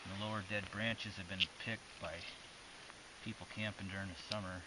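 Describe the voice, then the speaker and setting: A man's voice: low-pitched, flat delivery, normal speed. Matter-of-fact man camping in snowy woods. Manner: plain, matter-of-fact, explains as he works. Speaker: winter camper filming his trip. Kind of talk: casual outdoor narration. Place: snowy forest campsite, outdoors. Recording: loud outdoor background noise.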